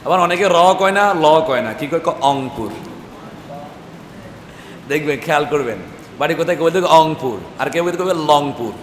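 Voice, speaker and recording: A man's voice: fairly high pitch, fast, fairly bright tone. A man teaching Quran recitation to a class, quizzing the students and drilling syllables again and again. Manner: drills students with repeated questions and chanted syllables. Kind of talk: classroom tajweed lesson. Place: large echoey madrasa classroom with students. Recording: echoey hall with noisy class.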